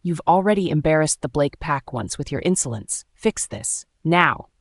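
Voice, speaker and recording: A woman's voice: low voice, lively intonation, moderate pace, dry recording. A woman voicing a domineering male alpha werewolf leader who speaks harshly and commands, in a storybook reading with a dry, close sound. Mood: commanding. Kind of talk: storybook narration.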